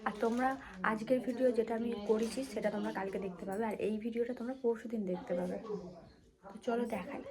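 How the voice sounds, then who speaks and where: A young woman vlogging at home, speaking softly and quietly so her sleeping baby stays asleep. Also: on the high side, fairly even intonation, fast, music in the background. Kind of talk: hushed vlog talk.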